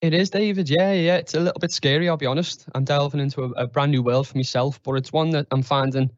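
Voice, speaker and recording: A man's voice: a little high, fairly even intonation, quick pace, dry recording. Liverpool-accented man, candid and chatty. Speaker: guest, tech trainer. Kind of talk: casual interview answers. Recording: dry, slightly dull lo-fi sound.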